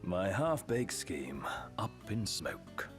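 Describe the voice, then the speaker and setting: In video game cutscene voice acting over music, a man with a low voice voices a refined, wry young royal retainer who is articulate and courtly, with a British accent. His delivery is slow and heavily acted, with big pitch swings and a gently wry mood.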